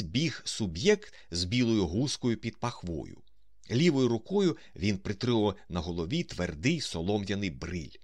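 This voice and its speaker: Very low male narrator, expressive and lively, reading an audiobook. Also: no echo, clean studio sound. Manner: expressive storytelling. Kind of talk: scripted narration.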